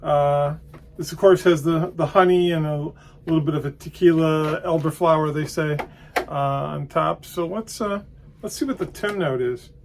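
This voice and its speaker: A man giving a casual, unscripted tobacco review, hesitant and halting as he thinks aloud. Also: on the high side, vocal fry, a little hiss or hum.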